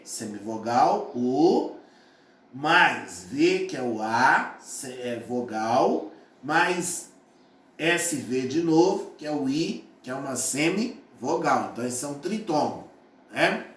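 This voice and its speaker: Unhurried male teacher, lively pitch, patient and repetitive, recorded from a distance in a roomy space. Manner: patient, repeats points with frequent "né?" and "ó". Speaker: Portuguese teacher. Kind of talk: video lesson explaining phonetics. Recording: roomy and a bit distant from the mic.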